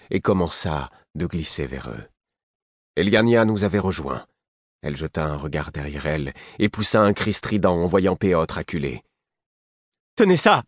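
A man narrating a fantasy novel in the first person, with measured, dramatic storytelling. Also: sits low, no echo, studio quality. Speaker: audiobook narrator.

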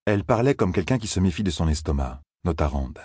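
A male audiobook narrator reading a fantasy tale at a measured pace. His voice is very deep with a husky edge, and the recording is dry and close. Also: very animated, a little mellow, no room sound. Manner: measured storytelling.

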